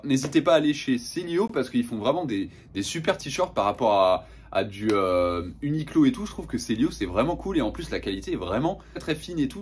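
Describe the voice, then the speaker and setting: A man's voice: medium pitch, slightly rough. A young man, casually showing off his latest manga purchases with lots of enthusiasm and filler words. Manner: enthusiastic, slangy, many fillers. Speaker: manga vlogger. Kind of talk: casual haul review.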